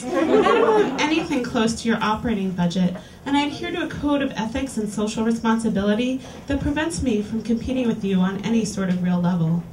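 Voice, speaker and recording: In a small lounge, a woman who hosts a reading series reads an erotica piece to a live audience, her voice on the high side and her reading clear and unhurried. Background noise runs throughout, and the recording sounds roomy and far off.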